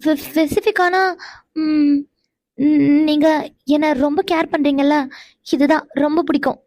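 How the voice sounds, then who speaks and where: This woman plays a shy young cartoon wife who embarrasses easily, stammering when bashful and protesting in a fretful, exclamatory way. Her high voice has a darkish tone and fairly even intonation, delivered unhurriedly in a dry, studio-quality recording.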